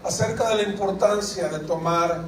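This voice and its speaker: High-pitched guy preaching a sermon, kinda distant mic, echoey church, faint room noise. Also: moderate pace. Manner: preaching with call-and-response questions to the congregation. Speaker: pastor. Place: church sanctuary.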